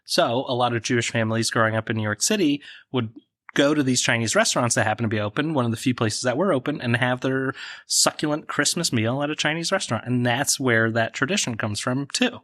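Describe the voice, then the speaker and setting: A man's voice: mid-range voice, a little fast, fairly bright tone, no echo, studio quality. A man with a New Jersey accent hosting a podcast, eagerly explaining fun facts and cracking jokes. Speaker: podcast host. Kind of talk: casual podcast chat.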